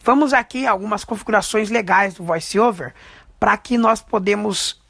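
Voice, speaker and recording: A man talks through a phone tutorial in a loose, chatty way, walking through each step. His voice has a gravelly edge. The sound is dry and close, with no room around it. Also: sits high, moderate pace, dry recording. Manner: relaxed, chatty, explains step by step. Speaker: tutorial presenter. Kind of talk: casual spoken tutorial.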